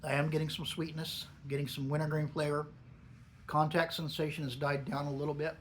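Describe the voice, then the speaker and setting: A man's voice: fairly high pitch, level tone, fairly quick, a little hiss or hum. A man giving a casual, musing solo video review, talking with a lip full of dip. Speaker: product reviewer. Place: upstairs in a garage.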